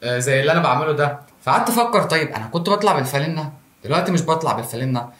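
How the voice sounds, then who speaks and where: A man's voice: a little high, lively intonation, racing, fairly bright tone. A man with an Egyptian accent delivering a jokey comic monologue to a phone camera, with self-mocking asides. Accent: Egyptian Arabic. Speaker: comedy show host. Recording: roomy echo.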